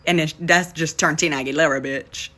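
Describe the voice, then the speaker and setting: A young woman chats to her phone camera about her family, cracking jokes and swearing freely. Her voice sits slightly low, and she keeps the tone casual and playful. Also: steady tone, sharp tone. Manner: playful, profane, jokey with quick asides. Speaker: vlogger.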